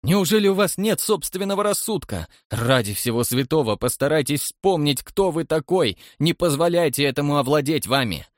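A man doing a young idealist at the end of his patience, blunt and agitated. His delivery moves lively in pitch, and the mic is close and dry with no echo. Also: moderate pace, hardly any pauses. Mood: indignant.

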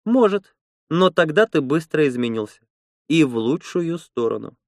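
Male reader as outspoken young woman colonist; raised pitch, teasing, dry close sound. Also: sing-song, moderate pace, no room sound. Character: blunt, frank young woman space colonist. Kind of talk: audiobook character voice.

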